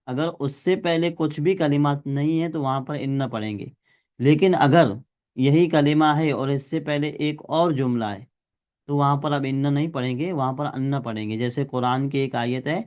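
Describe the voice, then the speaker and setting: A man's voice: mid-range voice, a little mellow. Patient male teacher on a dull recording. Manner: patient, explains step by step and quizzes students. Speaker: Arabic grammar teacher. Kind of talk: classroom grammar lesson.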